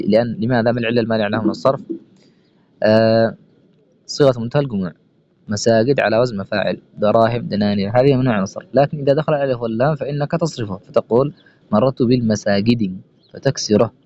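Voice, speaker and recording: A man teaching a grammar lesson, asking himself quick rhetorical questions and quoting verse. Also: fairly low pitch, a little mellow. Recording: dull lo-fi recording with faint noise.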